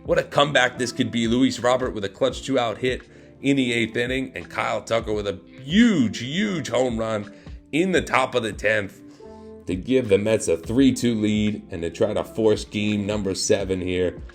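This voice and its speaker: A man calling the action of a video game like a sportscaster, his fairly low voice leaping up in pitch and volume when a play turns. He sounds slightly worn, like his voice is going. Faint music plays behind him. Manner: excitable, voice jumps up and gets loud at big plays. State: losing his voice. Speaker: gaming YouTuber.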